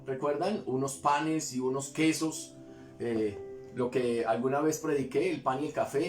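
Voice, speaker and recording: A man's voice: mid-range voice, reverberant. A man preaching a devotional sermon as pastor, asking rhetorical questions and repeating his points for emphasis.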